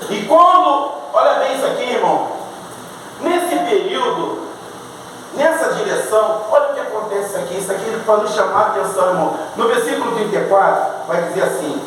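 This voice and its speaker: Fervent high-voiced Rio preacher. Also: male voice, animated, a little fast, a bit bright, a little hiss or hum. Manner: fervent, calls out to the congregation. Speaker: pastor. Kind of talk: sermon. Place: church hall. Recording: echoey church hall from far off.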